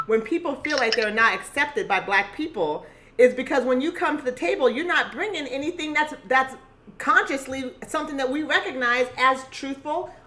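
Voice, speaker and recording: A woman from Costa Rica talking in an animated, emphatic way, with frequent restarts, in a casual conversation. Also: high voice.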